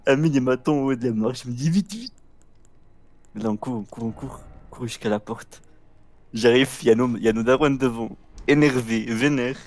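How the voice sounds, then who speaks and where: A man's voice: medium pitch, fairly even intonation, a little fast. A man in his twenties telling a rambling childhood story on a game stream, restarting his sentences and acting out the voices of the people in it. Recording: game music playing behind.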